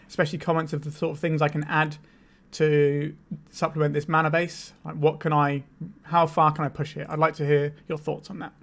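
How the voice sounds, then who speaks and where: Tired and fighting a cold, a man on the high side vocally, with a somewhat bright tone, breaks down his card deck casually. He's the channel host, thinking aloud through each play.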